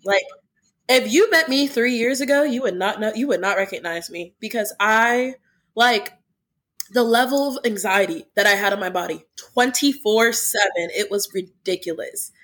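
A woman's voice: fairly high pitch, normal speed, fairly bright tone. Young woman hosting a casual podcast. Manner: earnest, lots of "like" fillers. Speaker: podcast host. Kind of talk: casual chat.

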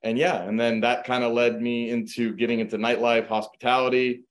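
This middle-aged guest, a real estate agent born in Croatia and raised in the United States, speaks at a medium pitch and a little fast. He casually relates his background over a video call interview, relaxed and heavy on fillers such as um and you know.

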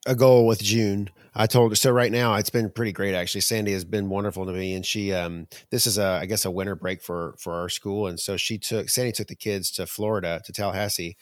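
A man chatting casually as a podcast co-host, earnest and reflective. He talks quickly, and the sound is dry and close with no room around it. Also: on the low side, no echo. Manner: earnest, animated when retelling frustration. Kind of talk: casual chat.

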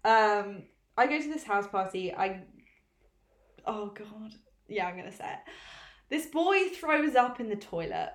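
A young woman co-hosting a podcast, chatting casually in an animated, self-mocking way and swearing freely. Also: medium pitch, a little slow, pauses often. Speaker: podcast co-host. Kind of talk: casual chat. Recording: roomy echo.

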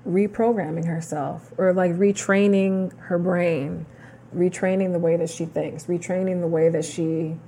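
Low-voiced woman, reflective podcast chat. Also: level tone, unhurried, mellow, slight background noise. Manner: reflective and encouraging, affirming with mm-hmms. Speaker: podcast co-host. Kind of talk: casual chat.

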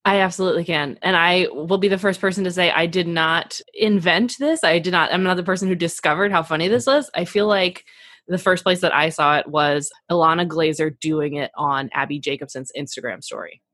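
A woman co-hosts a casual podcast, tossing in dry, deadpan replies. Her voice sits fairly low and has a husky edge. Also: fairly quick, no echo. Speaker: podcast co-host.

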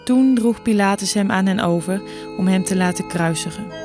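A woman narrating a Bible passage in an even, measured way. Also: mid-range voice, loud music behind the voice.

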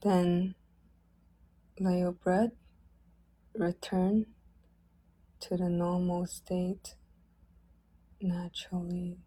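A woman leading a guided loving-kindness meditation in a soft, gentle, drawn-out way. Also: on the low side, little pitch movement, slightly rough, rough recording.

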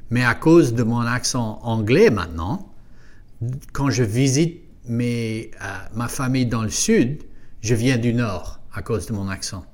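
A man whose first language is English, telling a self-deprecating story in casual conversation as a podcast co-host. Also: mid-range voice. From United States. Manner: self-deprecating, jokey storytelling, laughs at himself.

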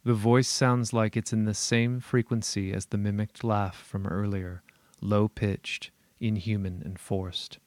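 A man reads a first-person horror story in a steady, measured way. His voice sits low. The recording is dry and close, with no room around it. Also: no room sound. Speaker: narrator.

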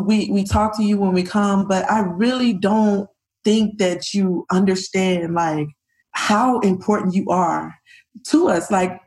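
An animated woman recounts her fertility journey, her voice sitting at a middle pitch for a woman. She gushes, tumbles through her sentences and acts out what other people said. The telling is personal and openly emotional. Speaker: fertility patient guest.

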